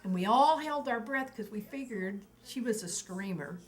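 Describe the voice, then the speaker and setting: A woman's voice: a little high, normal speed, low-quality recording. An older woman, a mother of eleven, casually telling family stories with lots of laughter, acting out the children's quoted voices. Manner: lively, laughs often, acts out the kids' quoted voices.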